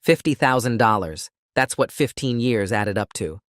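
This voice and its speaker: A man reading a first-person story as scripted narration, in a steady storytelling delivery. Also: mid-range voice, normal speed, dry recording, studio quality.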